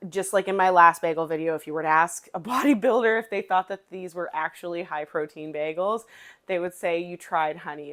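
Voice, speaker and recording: Young woman vlogger, slightly low voice, casual and playful, rambles happily. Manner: chatty and playful, with rambling asides. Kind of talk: casual kitchen vlog narration.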